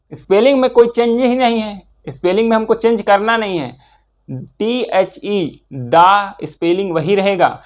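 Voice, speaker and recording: A middle-aged man teaching a spoken English lesson with a Hindi accent, emphatic and asking and answering his own questions. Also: high voice.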